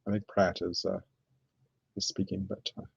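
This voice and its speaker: A man chatting casually on a live stream while building, thinking aloud with many pauses and fillers. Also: low-pitched, completely flat delivery, gravelly, slightly rough, no room sound. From Canada. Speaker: streamer building with toy bricks. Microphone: computer mic on live stream. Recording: dull lo-fi stream audio.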